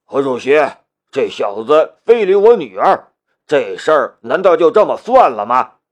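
A man voicing a scheming middle-aged father who loudly insists on his accusation. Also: medium pitch, very animated, a little slow. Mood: indignant.

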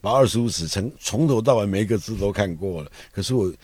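An older man talks through his ideas in a relaxed, discursive conversation. His voice sits very low with a husky edge, yet his pitch rises and dips with lively emphasis. The sound is close and dry. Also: quick pace, dry recording. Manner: musing, discursive, with rising and falling emphasis. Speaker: guest writer. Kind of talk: reflective conversation.

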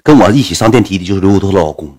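Fast-talking storyteller man. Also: sits low. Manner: animated, acts out the quoted dialogue. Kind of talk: casual anecdote telling.

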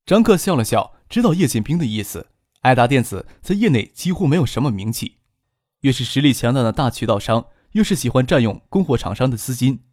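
Male audiobook narrator. Steady and unhurried, at a medium pitch. Dry studio sound. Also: no echo.

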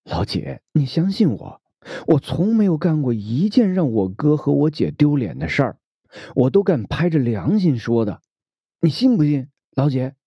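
男声模仿的心碎中年妇女，沙哑轻声哀求. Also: male voice, on the high side, big pitch swings, normal speed, warm tone, breathy edge, no echo, studio quality, pitched above the performer's own voice, full character voice. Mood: sad pleading. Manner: pleading, breaks into unvoiced whispers. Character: weary heartbroken middle-aged woman cousin. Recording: dull lo-fi recording.

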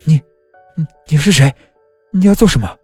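A man voicing the terrified young woman who tells the tale, her lines pushed high and strained in an audio horror story. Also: lively intonation, fairly quick, warm tone, breathy edge, no room sound, soft background music. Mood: terrified, accusing. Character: frightened young woman, office worker, first-person heroine.

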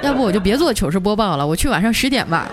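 A woman's voice: medium pitch, sing-song, very fast, a crowd in the background, noisy background. Playful Northeastern Chinese woman host. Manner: playful and teasing, often laughing as she talks. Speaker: podcast host. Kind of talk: reading and joking about listener comments. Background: background music.

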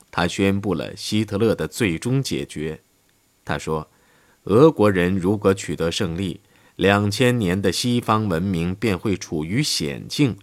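A man with a somewhat low voice reads a history audiobook, keeping a steady, scripted narration and raising his voice whenever he reaches quoted speech.

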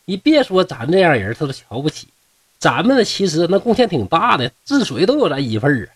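A man's voice: a little high, sing-song, a little fast, husky, dry recording, voice pushed up, exaggerated voice. A man with a Northeastern Mandarin accent voicing a boastful old male fox spirit who is chatty and folksy.

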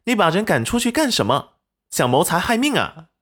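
A man putting on a shrill, quick-tempered young wife. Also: huge pitch swings, fairly bright tone, husky, heavily acted. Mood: indignant. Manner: shrill, accusing.

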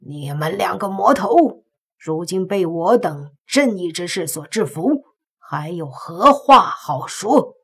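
A woman voicing a self-righteous old male Taoist priest who scolds loudly in lofty, archaic speech. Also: fairly low pitch, lively intonation, slow, breathy edge, heavily acted. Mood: scolding.

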